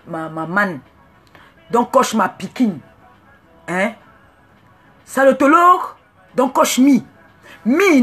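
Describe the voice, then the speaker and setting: A woman giving a comic rant as a self-styled chancellor, in a rambling, excitable way. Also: mid-range voice, slightly rough.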